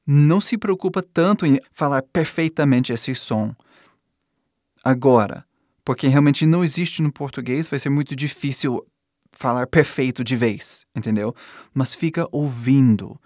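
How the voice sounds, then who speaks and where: A man's voice: medium pitch, a little mellow, no echo. Patient male English teacher, dry sound. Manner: patient, reassuring, repeats sounds slowly to demonstrate. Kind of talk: language lesson.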